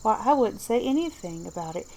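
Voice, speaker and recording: A curious young storybook girl, played by a woman, thinking aloud to herself. The whispered reading has a soft, mellow tone with faint noise in the background. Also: mid-range voice, lively intonation, brisk, close to an everyday voice, rough recording. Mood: musing.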